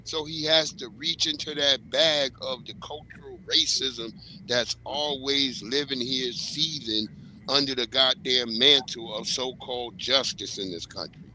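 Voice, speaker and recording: Bright, tense male panelist, angry profane rants. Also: mid-range voice, measured pace, a little hiss or hum, low-quality recording. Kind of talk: heated podcast talk.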